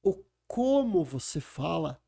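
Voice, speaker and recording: A man's voice: fairly high pitch, very animated, takes it slowly, creaky, mellow, husky. A man explaining how to speak well. He talks in an emphatic, teaching way and asks rhetorical questions. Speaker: communication speaker. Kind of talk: conversational explaining. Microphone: podcast microphone.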